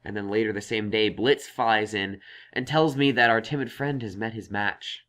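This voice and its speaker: In an acted audio story, a man voices a thoughtful, reassuring young male unicorn scholar who explains things earnestly. His voice is on the low side and fairly bright, delivered at normal speed and only lightly acted.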